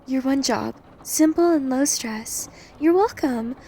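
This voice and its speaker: A woman's voice: high-pitched, slow, dark tone, a little hiss or hum. A woman voicing an obsessive, possessive, hungry vampire in an ASMR roleplay, speaking intimately and often dropping toward a whisper. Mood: possessive, coaxing. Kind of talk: ASMR roleplay audio drama.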